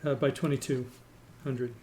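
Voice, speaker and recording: A man in casual voice chat with friends while playing a game, explaining things haltingly with fillers. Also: medium pitch, steady tone, darkish tone, slight background noise. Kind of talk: casual voice-chat gameplay talk.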